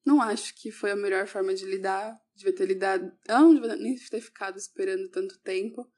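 A woman's voice: medium pitch, steady tone, quick pace, darkish tone. A woman, a teacher, telling a personal story in a reflective way, often correcting herself mid-sentence.

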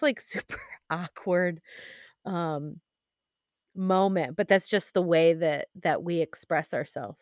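Grieving woman, low and candid. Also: no room sound, clean studio sound. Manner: candid, halting with many pauses and fillers. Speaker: podcast host. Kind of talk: personal reflective monologue.

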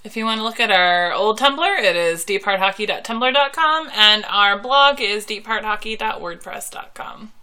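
A woman's voice: mid-range voice, normal speed, few pauses, sharp tone, smooth. A woman co-hosting a podcast in casual, playful, teasing chat. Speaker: hockey podcast co-host.

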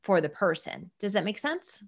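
Animated middle-aged woman acting out dialogue. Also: mid-range voice, moderate pace, gravelly. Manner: animated, acts out voices in quoted dialogue. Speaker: guest creativity teacher. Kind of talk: casual interview chat.

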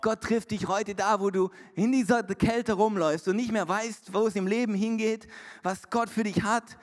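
Guy preaching in a church, high voice, long echo off the hall, hammers his points again and again. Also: fairly even intonation, normal speed. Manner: emphatic and repetitive, mixing in English words. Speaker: pastor. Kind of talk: sermon.

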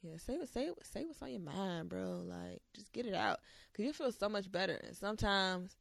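A woman co-hosts a casual podcast in slangy talk. Her pitch swings freely and has plenty of vocal fry, captured dry at a desk. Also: moderate pace, no room sound. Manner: slangy, giggly, animated. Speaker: podcast co-host. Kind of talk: casual chat.

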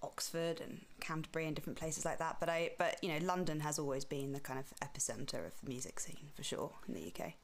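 A woman's voice: sits low, fast talker, vocal fry, hardly any pauses. A woman speaking as a musician guest in a casual interview, informal and tentative, letting phrases trail off. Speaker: interview guest, classical pianist.

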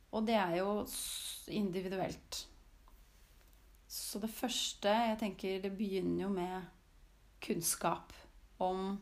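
Here the woman's voice is mid-range and a little mellow as she talks casually to listeners on the subject of sensitivity. She muses aloud, frequently pausing with fillers and starting sentences over.

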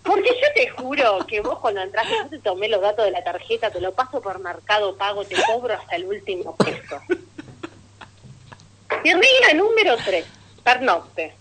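A woman's voice: medium pitch, very animated, normal speed, fairly bright tone, a little hiss or hum, poor audio. A woman with a Rioplatense Argentine accent doing a stand-up monologue on radio, telling stories with chatty asides to the audience and laughing at her own punchlines. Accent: Rioplatense Argentine Spanish. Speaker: stand-up comedian.

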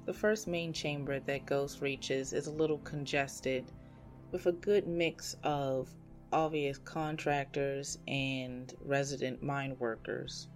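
A woman with a low voice tells a solo tabletop game story, setting scenes and reporting her rolls in an easygoing way. Her asides to the listener stay casual. Faint music plays under her. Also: steady tone, takes it slowly.

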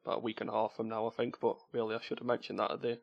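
A man's voice: fairly low pitch, completely flat delivery, very fast, gravelly, muffled recording. Man with a Potteries accent hosting a podcast. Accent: Stoke-on-Trent Potteries. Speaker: stand-in podcast host. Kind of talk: informal gaming podcast chat.

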